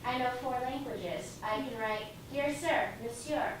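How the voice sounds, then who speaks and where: A woman playing a calm, obedient female robot secretary who answers in a flat, literal, measured way, in a stage play. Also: a little high, lightly acted. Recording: echoey room from far off with noise.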